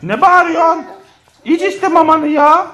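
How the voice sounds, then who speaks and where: A man's voice: very high voice, measured pace, bright, forceful tone. A man talking to viewers in a casual family vlog, playful and often laughing. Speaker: family vlogger.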